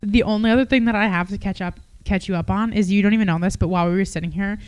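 A woman's voice: mid-range voice, very fast, clean tone, dull audio. A woman in her twenties co-hosting a podcast, chatting casually and telling stories with lots of swearing. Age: 20s. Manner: profane, animated storytelling. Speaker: podcast co-host. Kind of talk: casual chat.

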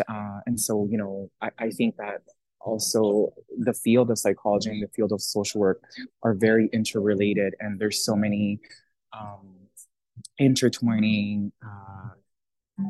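A man's voice: on the low side, fairly even intonation, measured pace, mellow, dry recording. A young man from Italy, a social worker, speaking as a podcast guest in a thoughtful way with many fillers and restarts. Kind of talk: casual interview talk.

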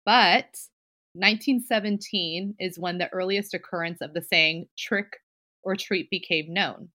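Chatty woman host, low and bright voice, casual storytelling with lots of fillers. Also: a little slow. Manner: chatty, giggly, many fillers. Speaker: podcast host.

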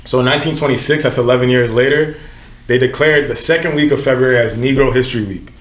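Talking quickly in an echoey room, a twentysomething Nigerian man with a medium-pitched voice hosts a casual group podcast. His conversational style features many self-corrections and a steady stream of "you know what I'm saying."

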